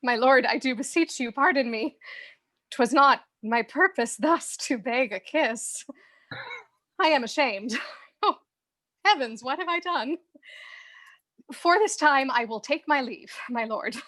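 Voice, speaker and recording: A woman's voice: sits high, animated, a little slow, pauses often, bright, forceful tone, full character voice. An actress playing a witty young woman in love, flustered and laughing between lines of stage verse.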